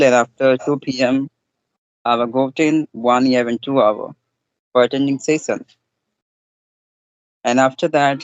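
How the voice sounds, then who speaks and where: Here a Hindi-speaking man from Bihar, a schoolteacher, is practising casual conversation. He talks carefully and haltingly, his grammar non-standard, in a mid-range voice. There's no echo, and the line is dull and dry.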